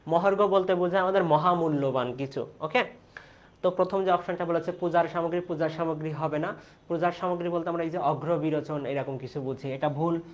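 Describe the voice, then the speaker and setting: A man's voice: a little high, fairly even intonation, a little fast. A young man from Bangladesh teaching an online exam-prep class in Bengali, asking questions and repeating the key answers.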